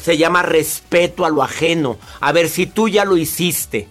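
Mexican man, podcast guest, storytelling, fairly high voice. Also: moderate pace, soft background music. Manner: animated storyteller who acts out family voices. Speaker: podcast guest, advice speaker. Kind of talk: casual storytelling chat.

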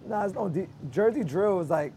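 A man who works as a radio DJ, a guest in casual podcast chat, relaxed and explaining things at length. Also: high-pitched, a little fast, gravelly, slight background noise.

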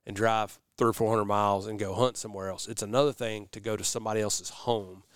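A man's voice: on the low side, level tone, fast, smooth, no room sound, clean studio sound. A man hosting a podcast in a casual, conversational style, talking in a folksy, rambling way. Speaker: podcast host. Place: warehouse.

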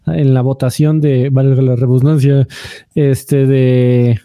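A man's voice: mid-range voice, level tone, slow pace, dark tone. A man with a Mexican accent co-hosting a podcast in casual, hesitant, joking chat. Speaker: podcast co-host.

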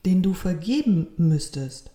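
A woman voicing God as a calm, gentle, all-knowing creator in a storybook reading, speaking softly and patiently. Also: fairly low pitch, unhurried. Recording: roomy echo.

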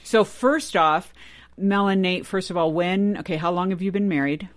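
A woman hosting a talk radio show in casual chat, chatty with quick asides and fillers, at a studio microphone. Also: lowish voice, no echo. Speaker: podcast host.

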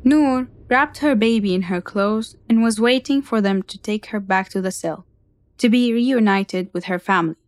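A woman giving measured, scripted documentary narration as the podcast's narrator. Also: mid-range voice, dry recording. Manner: measured, even storytelling.

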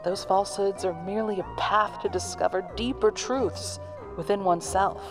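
A woman's voice: medium pitch, fairly even intonation, normal speed, music in the background. A woman giving scripted podcast narration in a wry, storybook style.

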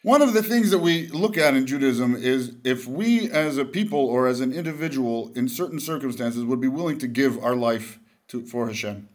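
A man who is a rabbi giving a short religious talk, calm and explanatory. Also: mid-range voice, normal speed, few pauses.

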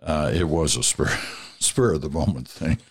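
A man with a very deep voice hosts a talk show. He reads listener letters and chats loosely, filling pauses with ums and poking fun at himself. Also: husky. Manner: self-deprecating, chatty, with fillers. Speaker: podcast host. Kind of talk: casual show hosting, reading listener letters.

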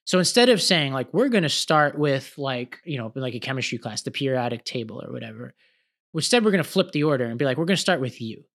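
Male podcast co-host, animated and storytelling, casual with lots of fillers. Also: medium pitch, quick pace, creaky. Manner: animated, explains with stories, many fillers.

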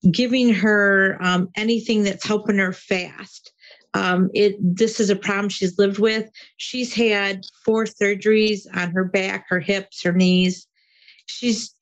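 A woman calling in to a show, her voice coming through a dull, lo-fi call line. She talks slowly and haltingly, filling gaps with soft hesitations. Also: medium pitch. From Michigan. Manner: hesitant, many "um" fillers. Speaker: radio show caller.

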